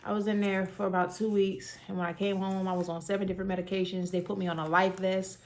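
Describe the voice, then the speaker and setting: A woman's voice: mid-range voice, little pitch movement, quick pace. Earnest woman telling a health story. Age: 30s. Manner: earnest, conversational, with many fillers. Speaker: person sharing a health story. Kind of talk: casual personal testimony.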